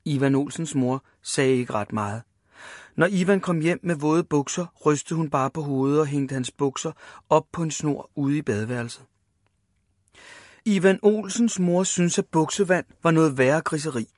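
A man reading a children's story aloud, lively and voicing the characters. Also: on the high side, no echo, studio quality.

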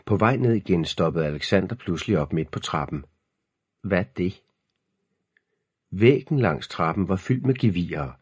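A man reading an audiobook aloud in a measured, ominous storytelling manner. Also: low-pitched, animated, slightly rough, no room sound, clean studio sound. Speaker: narrator. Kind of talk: scripted audiobook narration.

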